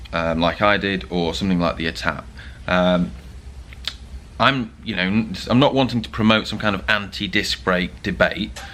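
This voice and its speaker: A man's voice: on the low side, a bit bright, a little hiss or hum. A young man hosting a casual vlog, chatty and joking with plenty of fillers. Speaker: vlog host. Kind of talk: casual vlog chat to camera.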